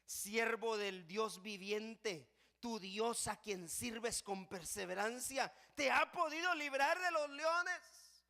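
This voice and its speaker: A man's voice: sits high, fairly even intonation, takes it slowly, gravelly, hardly any pauses, fairly bright tone, heavily acted. A preacher putting on an anguished old king. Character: anguished ancient king calling into a pit. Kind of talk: sermon.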